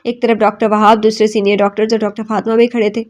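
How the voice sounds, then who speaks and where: A woman narrating a novel aloud in a steady, dramatic storytelling manner. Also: mid-range voice. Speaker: audiobook narrator.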